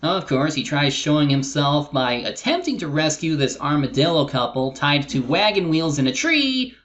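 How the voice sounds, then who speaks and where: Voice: medium pitch, very animated, moderate pace, a bit bright, highs cut off. A co-host narrating a scripted cartoon review, recapping the episode as commentary.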